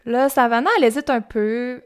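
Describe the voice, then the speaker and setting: A woman's voice: fairly high pitch, steady tone, a little fast, clear, resonant tone. Chatty Québécois woman telling a true-crime story. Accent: Québécois French. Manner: chatty, informal, with fillers and asides. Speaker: podcast host and storyteller.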